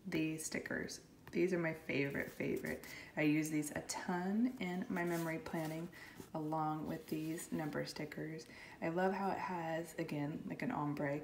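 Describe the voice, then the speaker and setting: A woman with a raspy voice from smoky air, chatting casually as she unboxes a planner kit at home. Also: sits low, steady tone, moderate pace, slight background noise. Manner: chatty, enthusiastic, soft-spoken at times. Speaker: planner vlogger. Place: home, while her son is in an online class.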